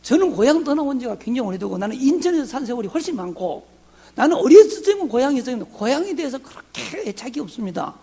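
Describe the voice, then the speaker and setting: A man's voice: very high voice, very animated, fast talker, gravelly, mellow, breathy edge. A middle-aged man from Korea's southwest, a pastor, preaching a sermon in a conversational way with many rhetorical questions. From Honam region, Korea.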